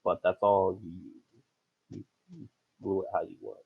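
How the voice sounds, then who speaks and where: A man with a husky, low-ish voice makes polite, hesitant suggestions about the rules during a tabletop game. The sound is dry and dull, like a lo-fi call. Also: steady tone, normal speed, no room sound. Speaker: player.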